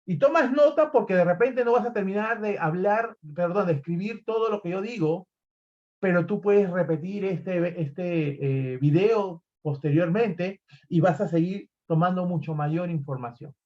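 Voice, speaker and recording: A man's voice: high voice, a little slow, darkish tone, muffled recording. A man giving a recorded leadership lecture, talking animatedly, acting out examples and often restarting his phrases. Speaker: leadership trainer.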